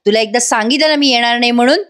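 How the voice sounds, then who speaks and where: Sharp-tongued young female villain, mocking; a woman reads her lines, pitched a bit high. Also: very fast, lightly acted. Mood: taunting. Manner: mocking, taunting.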